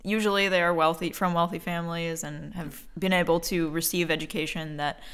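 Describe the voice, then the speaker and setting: A woman's voice: lowish voice, fairly even intonation, fairly quick, a bit bright, clear, resonant tone. A woman from the United States taking part in a casual discussion, thoughtful and agreeable. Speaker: guest.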